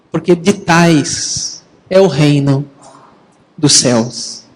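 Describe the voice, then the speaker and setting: High-voiced preaching man in a reverberant hall. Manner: lively preaching, addressing the congregation as brothers. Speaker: pastor. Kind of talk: sermon.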